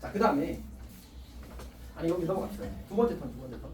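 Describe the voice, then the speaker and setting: A male high school math teacher giving a casual classroom lecture, chatty and self-mocking, always checking with the class. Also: expressive, fast, dark tone. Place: classroom with students. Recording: echoey classroom, distant mic, faint hiss.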